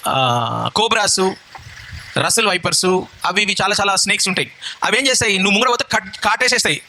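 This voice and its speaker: A man delivers a sermon in a high, sharply bright voice and keeps up a rapid pace. He throws rhetorical questions at the congregation and gently coaxes helpers through a live demonstration. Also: a little hiss or hum. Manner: coaxing, instructs helpers step by step. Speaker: bishop preaching.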